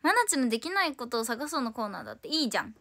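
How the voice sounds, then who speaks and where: Lively young woman chatting playfully. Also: fairly high pitch, very fast, a little hiss or hum. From Tokyo, Japan. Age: 20s. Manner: playful, chatty, answering viewer comments. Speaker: idol livestream host. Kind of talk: casual solo livestream chat.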